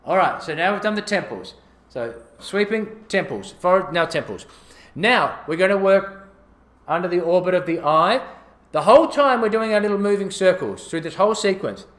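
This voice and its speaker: Higher-voiced man teaching a gua sha routine. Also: animated, normal speed, a bit bright. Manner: easygoing, counts strokes aloud as he demonstrates. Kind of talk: casual demonstration tutorial.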